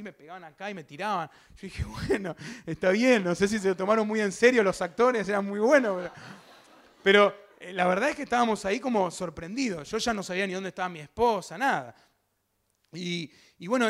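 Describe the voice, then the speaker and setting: A man's voice: high-pitched, fairly bright tone. A young man with a Rioplatense accent giving a sermon testimony, telling his story vividly with sound effects and acted quotes, and speaking directly to the congregation. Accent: Rioplatense Spanish. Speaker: preacher.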